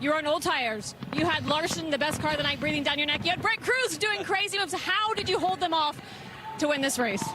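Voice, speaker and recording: A woman reporter asking a race winner brisk, clear interview questions. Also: high-pitched. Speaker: pit reporter. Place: outdoors at a racetrack. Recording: noisy outdoor track interview.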